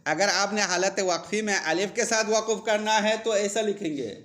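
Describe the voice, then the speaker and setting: A man's voice: high-pitched, a bit bright. A male seminary teacher gives a classroom lecture. He reads Arabic text aloud, explains each line, and asks the students questions.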